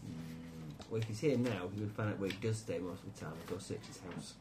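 Low-voiced man chatting over tabletop game. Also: a little fast. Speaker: tabletop role-playing player. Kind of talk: casual chat during tabletop game. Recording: noisy home-style group recording.

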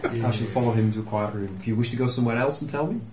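A man's voice: medium pitch, racing. A man playing a tabletop role-playing game, speaking in character in casual banter. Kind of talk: animated improvised role-play banter. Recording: echoey, noisy room.

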